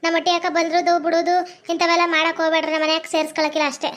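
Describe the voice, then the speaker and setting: A woman's voice: extremely high pitch, monotone, rapid-fire, a bit bright. A woman playing a harsh, scornful middle-aged mother-in-law in a family skit, with a North Karnataka accent. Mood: dismissive. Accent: North Karnataka Kannada. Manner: scornful, scolding, sing-song taunts. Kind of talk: family comedy skit acting.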